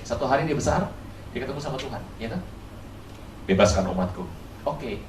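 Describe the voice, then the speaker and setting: A male pastor giving a lively sermon, firing rhetorical questions at his congregation and telling stories playfully. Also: mid-range voice, fast talker, a little hiss or hum. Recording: roomy, distant hall recording with faint ambience.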